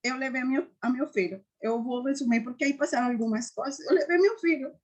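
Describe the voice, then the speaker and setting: A woman giving an earnest personal faith testimony, often halting and restarting. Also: high voice, a little mellow, muffled recording. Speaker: testimony giver.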